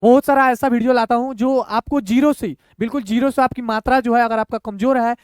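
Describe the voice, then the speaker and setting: Guy teaching hindi reading, very high smooth voice, sounds out each syllable slow and patient. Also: steady tone, darkish tone, no room sound, clean studio sound. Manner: slow, patient, breaks words into syllables, repeats "thik hai". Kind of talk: online lesson, syllable-by-syllable reading.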